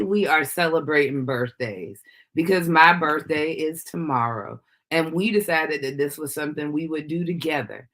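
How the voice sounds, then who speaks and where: A woman presenter narrating family photos in an animated, storytelling manner. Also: sits low. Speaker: workshop presenter, family caregiver.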